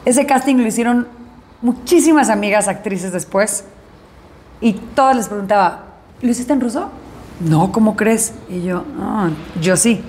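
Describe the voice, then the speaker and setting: A woman actress recounting an experience in an interview, lively and acting out the dialogue in her story. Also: medium pitch, unhurried, a little hiss or hum.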